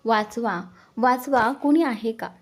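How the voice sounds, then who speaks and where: A woman's voice: on the high side, slow pace. A woman voicing a brave, defiant young heroine in an audio story, who sounds frightened but stands firm.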